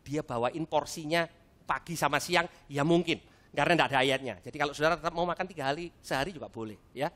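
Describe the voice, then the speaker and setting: A middle-aged man, preaching a lively sermon at a church service and acting out the dialogue in his stories. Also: a little high. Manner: animated storytelling with acted-out dialogue. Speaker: pastor.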